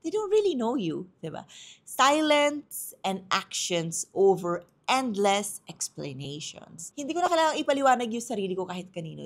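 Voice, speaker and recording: A chatty woman talks through her podcast in a casual monologue. Her voice is somewhat high and very lively. She tells stories animatedly and switches languages mid-sentence. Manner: chatty, mixing Tagalog and English, animated storytelling. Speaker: podcast host.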